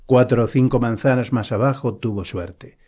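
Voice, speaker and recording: A man reading a novel aloud as an audiobook narrator, in a calm, even storytelling manner. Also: mid-range voice, moderate pace.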